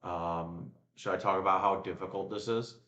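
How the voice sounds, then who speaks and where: A man's voice: low voice, fairly even intonation, normal speed, fairly bright tone, roomy sound, highs cut off. A man chatting casually and calling a car race live on a home watch-along stream, rambling between race updates. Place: at home in front of a webcam. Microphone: webcam and desk mic.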